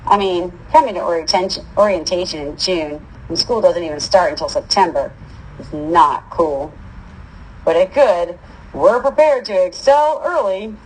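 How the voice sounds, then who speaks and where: A woman's voice: fairly low pitch, moderate pace, slight background noise, poor audio. A woman reading a first-person story aloud in a casual, wry manner. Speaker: audiobook reader.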